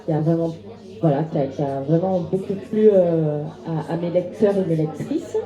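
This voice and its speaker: A woman's voice: sits low, moderate pace, warm tone. A woman bookseller speaking at a book talk. She talks hesitantly, with many "euh" fillers. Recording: roomy, dull sound with crowd behind.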